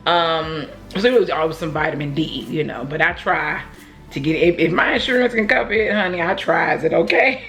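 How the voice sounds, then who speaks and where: A woman's voice: sits low, brisk, a bit bright, soft background music. A woman from Oakland, California with an American accent, chatting casually as she tells a rambling personal story and acts out what people said. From Oakland, California, United States. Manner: rambling, conversational, acts out reported dialogue. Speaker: vlogger telling a personal story. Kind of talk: casual storytime chat to camera.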